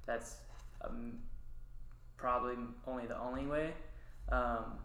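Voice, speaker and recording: A man speaking hesitantly in a casual group discussion, with many "um"s and pauses. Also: mid-range voice, steady tone, fairly bright tone. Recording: echoey room.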